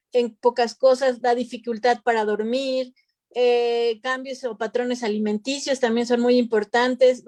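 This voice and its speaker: Woman psychologist in relaxed chat. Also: fairly high pitch, no room sound. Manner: conversational, frequent tag questions and restarts. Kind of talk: casual panel chat.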